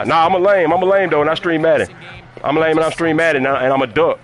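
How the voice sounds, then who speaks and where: A man's voice: fairly high pitch, steady tone, fast, faint music behind. A man streaming a football video game live, heatedly mocking his opponent and repeating his taunts over and over. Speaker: gaming streamer.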